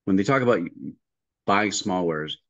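This middle-aged man has a low voice with lively intonation and speaks at normal speed. As a restaurant consultant guest on a video call, he tells casual interview stories about his work step by step, performing the dialogue and often restarting. A painting hangs behind him in his home room, and the sound is dry, muffled, with no room sound.

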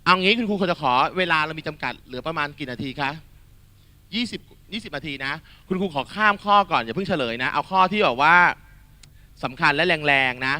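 A male tutor runs an energetic exam-prep lesson, quizzing students and coaxing answers out of them. His voice is very bright and forceful, sitting a little high. The sound is dry and close. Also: fairly quick, dry recording. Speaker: Thai tutor.

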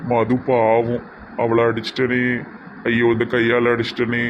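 Sketch comic, Tirunelveli man, stern and flat, dull lo-fi recording. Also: mid-range voice, measured pace, noisy background. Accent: Tirunelveli Tamil. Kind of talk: comedy sketch acting. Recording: dull lo-fi sound.

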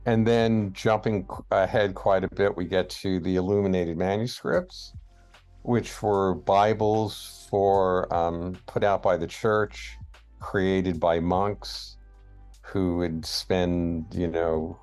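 Low voiced guy giving a slow art history talk, lots of ums, faint music under it. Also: steady tone, darkish tone. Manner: slow and hesitant, many fillers. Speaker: guest lecturer. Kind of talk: lecture with slides.

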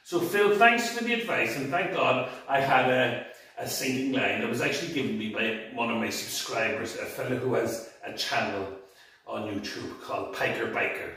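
A man's voice: mid-range voice, moderate pace, bright, forceful tone. A tired man chatting cheerfully to camera as a fishing vlogger, laughing often. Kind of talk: casual chat to camera. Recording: very echoey, voice from a distance.

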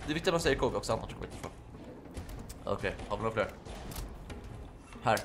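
A young man giving casual, excitable commentary while playing a video game, yelping and shouting during fights. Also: fairly low pitch, faint music behind. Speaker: gaming YouTuber. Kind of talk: casual Let's Play commentary.

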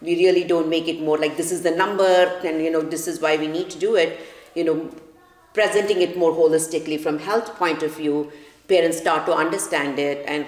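Casting: middle-aged woman, South Indian accent, fast conversational doctor explaining and mimicking others, in a reverberant room. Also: low voice. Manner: animated, acts out parents' and children's remarks. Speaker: pediatrician guest. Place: large indoor living room by a fireplace.

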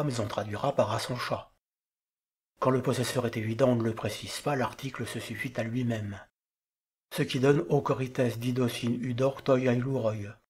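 Measured man explaining grammar. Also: medium pitch, a little mellow. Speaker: teacher. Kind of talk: scripted explanatory lesson.

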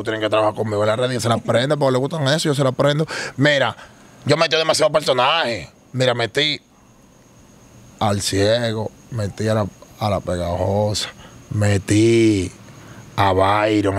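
A man, a guest rambling through stories in street slang during a casual interview. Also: lowish voice. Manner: rapid, rambling storytelling with slang.

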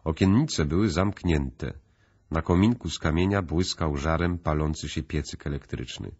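A man reading an audiobook as narrator, steady and even. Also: a bass voice, moderate pace, breathy edge, highs cut off. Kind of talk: scripted narration.

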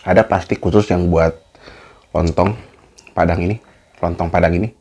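A man's voice: sits low, steady tone, moderate pace, a little mellow, slight background noise. A man, chatting casually as a mukbang host while eating messily, talking between mouthfuls.

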